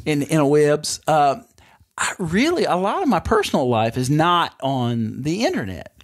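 Middle-aged guy hosting a home podcast from a bedroom, rambles and restarts, really lively up and down voice. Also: a little high, normal speed. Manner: rambling, drifting into tangents with restarts. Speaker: podcast host and father. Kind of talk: casual chat.

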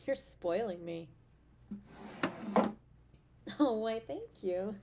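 A woman voice actor plays an affectionate, playful, caring girlfriend in an intimate roleplay audio drama, delivering her lines tenderly and expressively. Here she sounds curious and teasing, with a gravelly, medium-pitched voice at a measured pace in a very noisy recording.

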